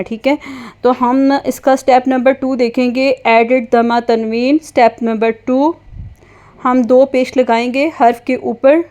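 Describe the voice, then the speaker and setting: A woman teaching children to read Quranic letters, slowly drilling sounds and repeating them with patient guidance. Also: on the high side, a little mellow. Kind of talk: slow instructional lesson, repeating sounds for children.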